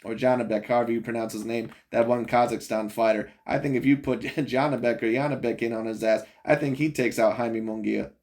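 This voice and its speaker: A man's voice: mid-range voice, steady tone, fairly quick, hardly any pauses, a little mellow. Rambling male boxing commentator. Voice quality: rambling, repeats "overall" and "in my opinion", chuckles often. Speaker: boxing commentator reviewing a video. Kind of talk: casual opinion commentary.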